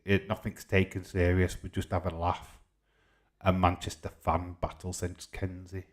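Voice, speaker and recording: Here a man in his forties, hosting a casual livestream in his Yorkshire accent, reads comments aloud and chats back informally. He talks at a moderate pace in a low, monotone voice, and he comes from Yorkshire, England.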